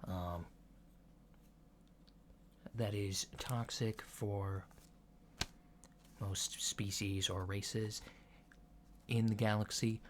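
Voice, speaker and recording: A man performs ASMR as a courteous, human-looking alien physician conducting a checkup, his voice soft, fairly low and evenly intoned. Calm and reassuring, he works very slowly through methodical questions with hesitant pauses. The lo-fi recording has clearly audible noise behind him.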